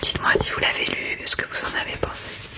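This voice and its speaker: Whispering woman in a soft ASMR book chat. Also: fast. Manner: soft library whisper, hushed and unvoiced. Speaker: ASMR creator reviewing books.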